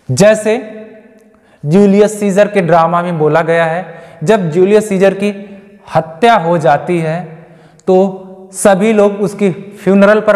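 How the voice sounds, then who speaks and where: A man's voice: high-pitched, a little mellow. A male teacher giving an exam-prep lecture, stretching out key English terms and asking rhetorical questions. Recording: long hall reverb.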